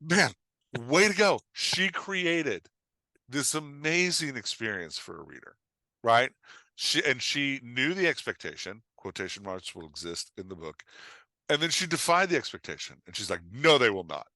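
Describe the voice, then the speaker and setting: A man with a mid-range voice talks at a normal speed in a low-quality recording with no room sound. He's a podcast guest and coach discussing his craft casually and bluntly, animated and emphatic, often acting out how imagined readers would react. His speech is informal and full of "like" and "right?"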